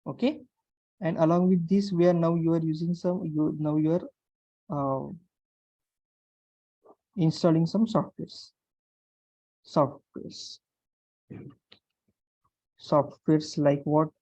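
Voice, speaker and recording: Through an online class call microphone, a programming instructor with an Indian English accent goes through the lesson step by step, repeating phrases and testing understanding with questions. The voice is mid-range, dark and fairly even in intonation, moving at a measured pace with long pauses. There's no room sound, and the highs are cut off.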